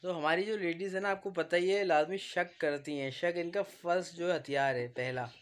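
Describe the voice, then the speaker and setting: A man's voice: on the high side, steady tone, normal speed. A man from Karachi with a Karachi Urdu accent, hosting a casual family vlog at home, joking and teasing as he talks to viewers on a phone. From Karachi, Pakistan. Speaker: vlog host. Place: home during a power cut. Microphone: phone, no external mic.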